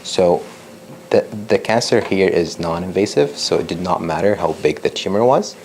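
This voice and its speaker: Delivering a public science talk, a young PhD researcher from Lebanon speaks at a moderate pace in a low, gravelly, slightly mellow voice. He hesitates often, full of ums and restarts, over a faint background hiss.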